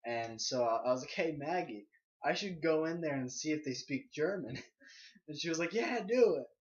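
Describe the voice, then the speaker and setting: A man's voice: on the high side, normal speed, muffled recording. A man co-hosting a casual podcast, telling a story hesitantly with many ums and restarts. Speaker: podcast co-host.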